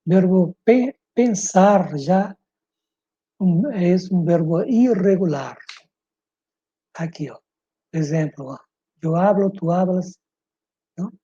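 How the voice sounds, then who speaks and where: Slow, mellow-voiced male language teacher. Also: high voice, animated, slightly rough. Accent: Brazilian Portuguese. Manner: slow, methodical, spells out letters and repeats words. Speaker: Spanish teacher. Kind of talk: online class lesson over slides. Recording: muffled lo-fi recording.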